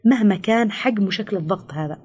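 A woman with a Yemeni Arabic accent, a counselor explaining things in an interview, fast with frequent hesitations. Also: mid-range voice, a little mellow, breathy edge. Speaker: teen counselor. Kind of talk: expert interview answers.

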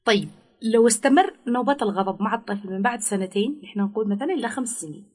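A woman's voice: fairly high pitch, lively intonation, rapid-fire. A woman giving parenting advice in an interview, explaining patiently and acting out what parents might say to a child.

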